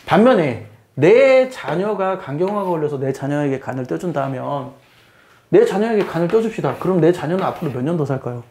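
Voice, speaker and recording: A man's voice: on the high side, expressive, a little fast, darkish tone, slight background noise. A middle-aged man, a math teacher, giving a casual spoken lecture in a plain explaining tone. He often repeats phrases and puts questions to the listener.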